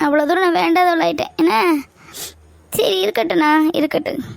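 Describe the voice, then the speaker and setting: A woman acts out a heartbroken young woman who tearfully refuses every attempt at comfort in a homemade family skit. Her voice is high, with a gravelly fry running through it. The recording is close and dry. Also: fairly even intonation, fairly quick, dry recording, exaggerated voice. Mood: hurt. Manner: tearful, hurt, insistent refusals. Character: hurt, tearful young woman betrayed in love. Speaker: younger sister figure. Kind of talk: amateur family skit acting.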